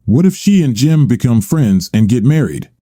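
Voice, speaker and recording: Dark-voiced man narrating a story. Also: medium pitch, sing-song, moderate pace, no echo, studio quality. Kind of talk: first-person story narration.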